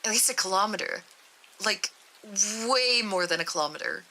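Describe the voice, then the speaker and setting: A woman's voice: medium pitch, lively intonation, normal speed, bright, forceful tone, low-quality recording. A woman voicing a young female test subject, nervous and easily grossed out, talking in a raised, exclaiming voice during a creepy story reading. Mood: wary. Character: young woman test subject descending endless stairs, scared and disgusted.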